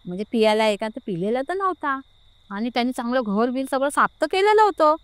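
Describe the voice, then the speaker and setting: A middle-aged woman with a Marathi accent recounts a personal experience in an easy, halting way, with many fillers, restarts and quoted lines from others. Her voice is smooth and clear and sits a little high. The sound is dry and close, with no room around it. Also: sing-song, no room sound. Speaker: interview guest telling her experience. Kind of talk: casual personal storytelling.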